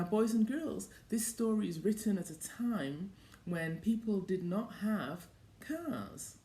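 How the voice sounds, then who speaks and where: A woman presenting a story to children, speaking straight to them in simple questions with deliberate, emphatic phrasing. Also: fairly low pitch, mellow. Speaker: host of a children's story and lesson show. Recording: roomy echo.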